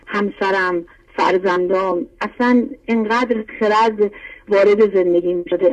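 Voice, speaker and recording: A woman's voice: mid-range voice, a little mellow. Earnest woman caller on a dull line. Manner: earnest, heartfelt, urging listeners. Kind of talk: call-in testimony.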